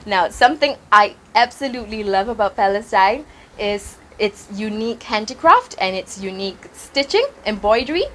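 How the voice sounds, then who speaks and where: A woman reading a children's picture book aloud, in a gentle, expressive storytelling manner. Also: fairly high pitch, a little hiss or hum.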